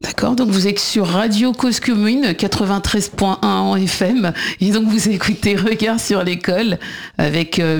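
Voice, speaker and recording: Gravelly hesitant male radio host. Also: high-pitched. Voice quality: gravelly, hesitant with many pauses. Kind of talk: radio talk show interview.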